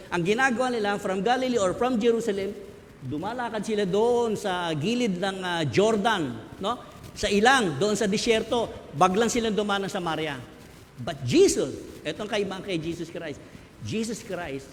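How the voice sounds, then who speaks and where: A man with a Filipino accent preaching a sermon, emphatic, swinging between loud stresses and quiet asides. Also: sits high, slight background noise. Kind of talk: Taglish sermon. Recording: hall reverb, faint ambience.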